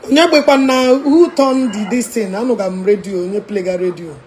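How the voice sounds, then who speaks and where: A Nigerian woman with an Igbo-tinged accent chatting on a casual livestream from a hotel room, animated and laughing, mixing English and Igbo. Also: medium pitch, normal speed. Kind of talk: casual live-stream chat.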